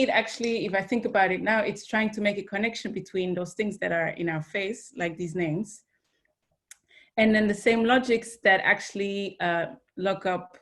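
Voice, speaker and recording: A woman from Belgium speaking as a panelist on an online academic panel, earnest and searching, with restarts and fillers, over a video call. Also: on the low side.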